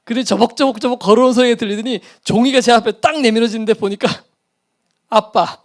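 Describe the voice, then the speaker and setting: A man's voice: extremely high pitch, racing. Storytelling male pastor. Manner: animated storytelling, acting out voices, laughing at himself. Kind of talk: sermon with personal story.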